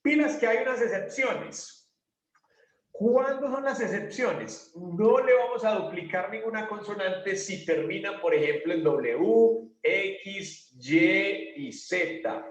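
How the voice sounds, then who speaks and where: A man with a high voice teaches an English grammar lesson, patiently putting questions to the class and answering them himself. He sounds a little far from the mic, in an echoey classroom. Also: lively intonation, takes it slowly, dull audio. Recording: echoey room, voice from a distance.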